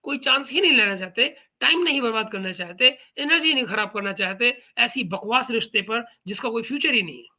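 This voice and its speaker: A man's voice: extremely high pitch, expressive, brisk, pushed and bright. A man hosting a reaction commentary channel, talking in a mocking, sarcastic way. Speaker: YouTube commentary host.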